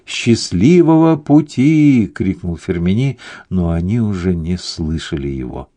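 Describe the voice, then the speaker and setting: A man narrating a novel as an audiobook in a measured storytelling manner. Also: sits low, lively intonation, warm tone, no room sound.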